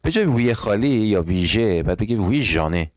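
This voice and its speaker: A man with a very low voice that still moves around a lot in pitch, teaching French phrase by phrase. He explains in Persian, casually calling his learners kids, and slows right down to repeat each French sentence. The sound is dry and close, with no room around it. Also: expressive, darkish tone, no echo. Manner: explains in Persian, reads French lines slowly and repeats them. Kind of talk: language lesson explaining phrases.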